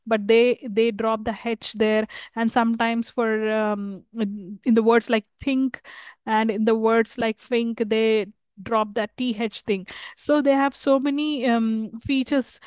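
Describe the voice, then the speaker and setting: A woman lecturer with an Indian accent whose first language is Telugu, explaining slowly, often pausing to check with "okay" and correcting herself. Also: a little high, steady tone, a little mellow, clear, resonant tone, no echo. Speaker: English lecturer. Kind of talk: recorded university lecture.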